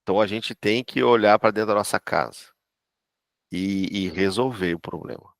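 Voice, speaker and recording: A man's voice: fairly low pitch, moderate pace, creaky, no room sound. A man from Brazil, a pastor giving an informal church class who talks conversationally, acts out quoted voices and keeps checking for agreement. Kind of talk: informal teaching talk.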